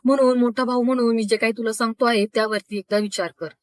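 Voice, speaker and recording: A woman's voice: a little high, steady tone, quick pace, no room sound, natural voice. A woman voicing a protective elder brother, serious and caring, giving earnest advice.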